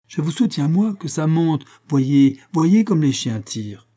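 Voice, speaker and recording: A man voicing a boastful, stubborn corporal who has had a bit too much to drink, with loud, blustering exclamations in a storybook reading. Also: on the high side, animated, normal speed, pitched above the performer's own voice.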